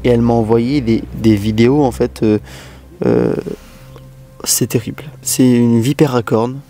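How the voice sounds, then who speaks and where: A man's voice: medium pitch, steady tone, moderate pace, warm tone, soft background music. A man who has just woken up, chatting casually and rambling to camera.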